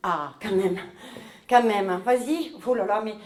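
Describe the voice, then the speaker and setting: On stage in a big echoing hall, a woman performs a comic character: a talkative southern French mother, middle-aged, newly arrived and plotting, rambling with indignation in a regional accent. She speaks a little slowly in a natural, medium-pitched voice, and the live hall's reverberation is audible.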